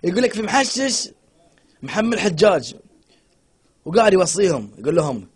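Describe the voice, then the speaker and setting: A man with a Bahraini Gulf Arabic accent telling quick jokes casually among friends, often laughing through his words. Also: high voice, very animated, breathy edge. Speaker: joke teller. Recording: very noisy amateur recording.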